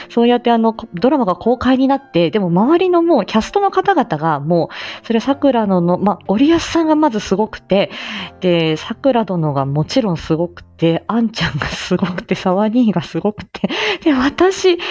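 This livestream host, who also acts in amateur voice dramas, has a medium-pitched, darkish voice. She talks casually and thoughtfully, in a hesitant, self-effacing way, often leaving phrases unfinished.

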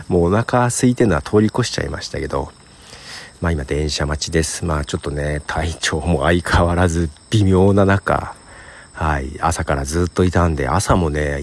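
A middle-aged man podcasting alone in a hushed, half-whispered ramble, tired, recorded on an empty train platform. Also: sits low, vocal fry. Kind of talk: casual solo monologue.

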